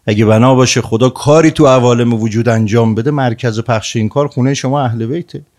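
A man delivering a religious sermon, retelling a story and urging his listeners, with emphatic raised lines that drop into quiet, low asides. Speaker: preacher.

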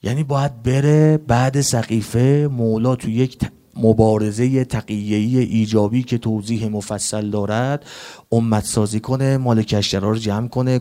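A male preacher giving a Shia mourning sermon in a quick, conversational way, reciting Arabic quotations along the way. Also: medium pitch, a little mellow.

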